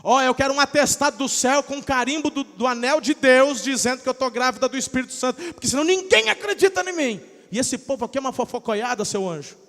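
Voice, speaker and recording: A man's voice: very high voice, animated, a bit bright, exaggerated voice. A male pastor voicing an anxious teenage girl who frets about gossip and demands proof, in a sermon. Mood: demanding. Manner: demanding, fretful, fast. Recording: long church-hall reverb.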